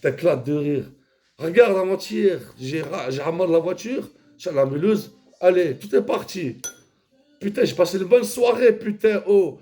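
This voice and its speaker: A man rambling in a casual, vulgar monologue, jumping between mumbles and shouts. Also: sits high, lively intonation, moderate pace.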